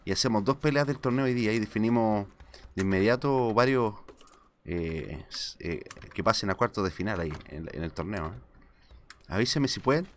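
Excitable male game streamer. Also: fairly low pitch, moderate pace, a little hiss or hum. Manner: excitable, talks to himself and greets chat. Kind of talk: live gameplay commentary.

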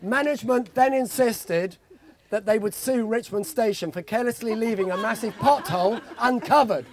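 Reading from notes into a close-held handheld mic, a sixties-aged father of the bride tells jokey stories at an outdoor garden wedding reception. His voice sits unusually high for a man, and he speaks at a moderate pace.

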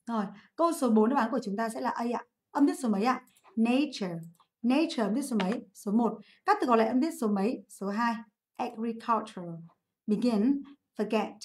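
Lively woman teacher quizzing a class. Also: a little high. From Vietnam. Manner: lively, asks the class questions and answers them herself; drills English words by repeating them slowly. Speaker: English teacher. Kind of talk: livestream exam review lesson.

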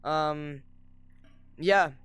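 A man doing casual game commentary as a video host, rambling haltingly and often interrupting himself. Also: on the high side, a bit bright, clear, resonant tone.

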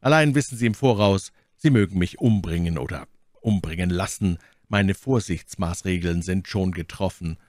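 A man voicing a cool, mocking English lord in an audiobook, contemptuous and measured. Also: low-pitched, darkish tone, no echo, studio quality, close to an everyday voice. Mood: coldly threatening. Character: cold, mocking English lord, older brother-in-law. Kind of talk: audiobook reading.

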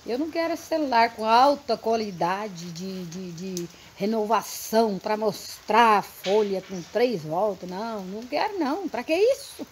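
A woman's voice: mid-range voice, expressive, a little slow, hardly any pauses, a little hiss or hum. A woman vlogging casually at home, chatting to her viewers and cooing in baby talk at her puppies.

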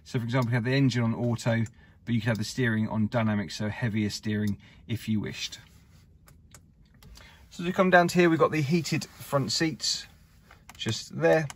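His voice is husky and medium-pitched, at normal speed. A car dealer, he gives a casual walkaround of a used car in an indoor showroom, walking with the camera in his own hand and keeping up an upbeat salesman patter.

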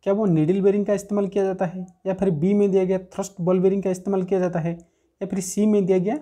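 A man working through technical exam questions in a screen-recorded lesson, reading each question slowly and then explaining the answer step by step. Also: high voice, flat delivery, mellow. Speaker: technical teacher. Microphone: screen recording voice-over.

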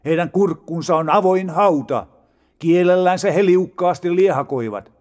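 A man reading psalms aloud in a solemn, measured way with dramatic rises and falls. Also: sits high, a little mellow. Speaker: Bible reader. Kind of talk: scripted scripture reading.

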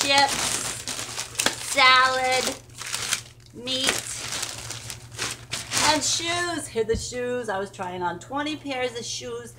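An older woman vlogs a casual shopping haul at home, moving between her porch and a carpeted room as she unpacks her bags. She rambles and coos at her dogs in a slightly high voice, and the recording is very noisy.

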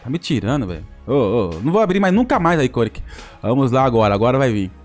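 A young man with a Brazilian accent giving excited commentary on a mobile football game, groaning and laughing at his bad luck. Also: mid-range voice, quick pace, soft background music. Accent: Brazilian Portuguese.

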